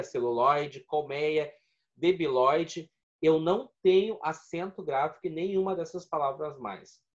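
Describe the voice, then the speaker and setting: Teaching in a video, a man whose voice sits on the high side lays out rules one step at a time. The audio is dull, and he keeps going back over the main points and counting syllables out loud.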